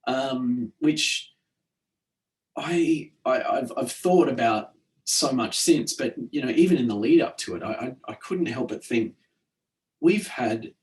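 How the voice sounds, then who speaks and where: A man's voice: medium pitch, lively intonation, a little slow, recorded from a distance. A man co-hosting a casual podcast chat, talking in a hesitant way with many fillers and restarts. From Australia. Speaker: podcast co-host.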